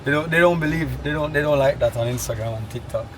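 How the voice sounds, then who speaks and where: A man with a Jamaican accent chatting loudly and excitably in a casual vlog, full of slang. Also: a little high, fast, noisy background. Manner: loud, excitable slangy talk. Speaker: vlogger.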